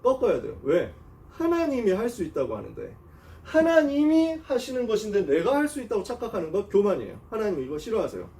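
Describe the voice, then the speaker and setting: A man preaching to a church youth group in a casual, animated storytelling way, acting out the quotes, heard from a little away from the microphone. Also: high voice, brisk, distant mic. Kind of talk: sermon.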